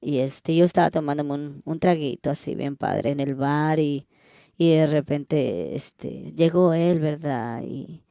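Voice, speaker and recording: A man's voice: on the high side, measured pace, creaky, mellow, no echo. A man playing a flirty, gossipy woman fan, gushing and coy in a comedy sketch.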